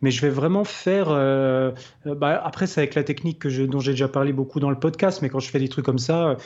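A man's voice: mid-range voice, fairly quick, darkish tone. A man hosting a podcast, casually explaining his guitar technique between played examples, thinking aloud with many hesitations. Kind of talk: casual explanatory chat with playing demos. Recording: slightly dull lo-fi sound. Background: faint guitar playing.

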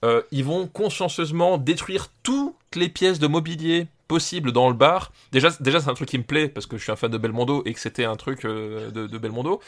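A man's voice: medium pitch, fairly quick, hardly any pauses. A man co-hosting a podcast, talking in an enthusiastic, slangy, casual way. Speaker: podcast co-host.

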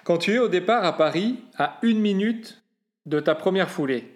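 A man's voice: high voice, lively intonation, normal speed. A man interviewing a runner, asking questions and apologizing for his accent.

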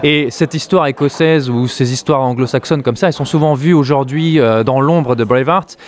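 A man's voice: medium pitch, moderate pace. Hesitant French man reviewing a film. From France. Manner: hesitant, many fillers and restarts. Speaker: film critic. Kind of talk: casual film discussion.

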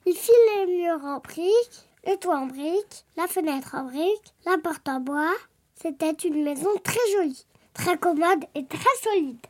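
High-voiced woman reading a fairy tale. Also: unhurried, a little mellow. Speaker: storyteller.

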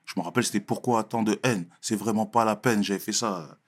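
A young man from Marseille with a Marseille accent, chatting casually in an interview, full of street slang and quick laughs. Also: lowish voice. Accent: Marseille French. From Marseille, France. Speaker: interviewee, rapper.

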